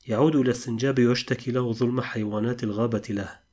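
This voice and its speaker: A man voicing an old male gorilla who calmly explains the forest's ways in a storybook. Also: medium pitch, racing, breathy edge, natural voice. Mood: calm explaining. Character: old male gorilla, calm and worldly guide.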